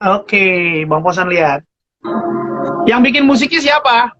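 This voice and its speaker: A man's voice: very high-pitched, sing-song, a little slow, dull audio, noisy background. A man in his thirties chatting casually and teasingly as a guest on a phone live stream. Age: 30s. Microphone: phone on a live video stream.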